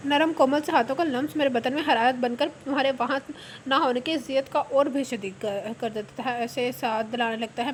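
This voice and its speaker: Romantic pleading husband, read by a woman, high voice, flowery words, storybook reading, faint room hiss. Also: lightly acted. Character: ardent young husband pleading for his wife's return.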